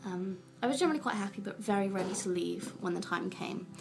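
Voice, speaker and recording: Gravelly-voiced young woman narrating fondly. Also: mid-range voice, expressive, fast. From Yorkshire, England. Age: 20s. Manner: reflective, fond and sentimental. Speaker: vlogger. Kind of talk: voice-over narration of a life story. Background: music backing.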